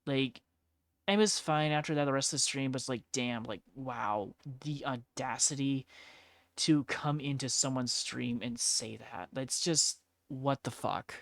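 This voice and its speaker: A woman's voice: very deep voice, a little slow, dry recording. A woman streamer in casual chat while painting miniatures, chatty, laughing often and blunt, with plenty of swearing.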